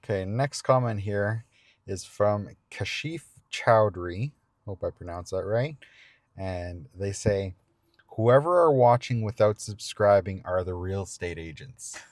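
A man's voice: lowish voice, unhurried, no room sound, clean studio sound. A young man, co-host, reading viewer comments aloud in casual chat from a parked car. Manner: reads comments plainly, with short replies. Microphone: lapel mic.

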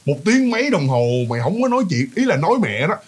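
A man with a Southern Vietnamese accent casually narrates a ghost story, chatting to his listeners and circling back over words with plenty of fillers and repeats. His slightly husky, high-leaning voice swings lively as he hurries along.

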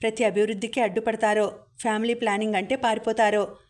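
A woman's voice: a little high, level tone, quick pace, darkish tone, natural voice. A woman reading the lines of a blunt young male student who scolds and calls out to his friends, in an audiobook. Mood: scolding.

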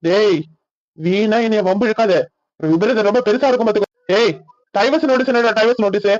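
Man voicing a hot-headed village husband, high and fast. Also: no room sound, dull audio, close to an everyday voice. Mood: angry. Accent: Kanyakumari Tamil. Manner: angry, shouting threats. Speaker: voice actor in a village comedy cartoon. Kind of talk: comic cartoon voice acting.

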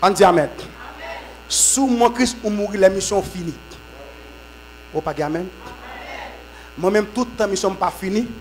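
A man preaches a sermon. His voice sits high for a man. He swings from shouted, fervent bursts to lower, quieter teaching. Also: a little slow, long pauses, a little hiss or hum, poor audio. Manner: shouts in fervent bursts with repeated amens, drops low when teaching. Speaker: apostle preaching at a conference.

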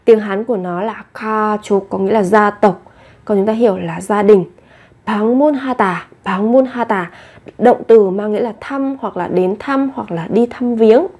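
A woman teaching a language lesson. She reads short model phrases briskly, then explains each one slowly and patiently. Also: medium pitch, a little mellow, slightly rough.

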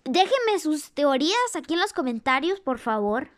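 A YouTuber in a put-on cartoonish character voice gives excited reaction commentary, repeating exclamations while watching and chatting with the audience. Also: high-pitched, normal speed. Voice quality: a put-on cartoonish character voice, not the speaker's real one. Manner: chatty with the audience, laughs at own slips. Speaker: YouTuber reacting to an animated series.

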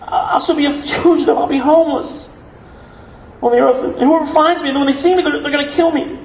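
A man's voice: steady tone, fairly quick, gravelly, a little mellow, echoey room, recorded from a distance, slight background noise, low-quality recording. A pastor putting on a whiny complaining man. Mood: whining. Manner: whiny, high and laughing through it. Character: whining self-pitying adult man, complaining.

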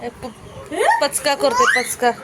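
A woman's voice: high-pitched, steady tone, slow pace, heavy background noise. A woman narrating a casual family vlog, chatting to viewers and coaxing her children. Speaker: family vlogger.

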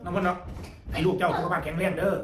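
A man's voice: high-pitched, flat delivery, very fast, far from the mic. Isan-accented man chatting in an echoey room. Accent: Isan Thai. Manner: chatty, laughs while reading comments aloud. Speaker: channel host reading comments. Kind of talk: casual chat. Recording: echoey room with loud background noise.

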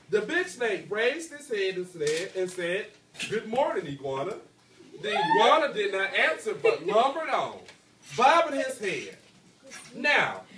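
This teacher, a man in his thirties, has a very high, pushed, bright voice as he reads aloud to his class and keeps stopping to make sure they understand, often ending phrases with "okay." The read-aloud, mixed with questions to pupils, takes place indoors at school. Someone across the room recorded it on a phone, so the audio is distant, echoey and noisy.

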